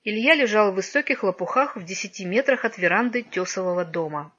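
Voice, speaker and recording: A woman narrating a children's story in an even, measured reading voice, on a dull lo-fi recording. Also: mid-range voice, breathy edge. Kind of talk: audiobook narration.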